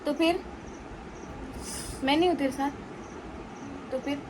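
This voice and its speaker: A young woman chatting casually in a family vlog, gently coaxing and asking the same things again and again. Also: sits high, a little slow, background noise. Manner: coaxing, tender, repeats questions. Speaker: vlogger.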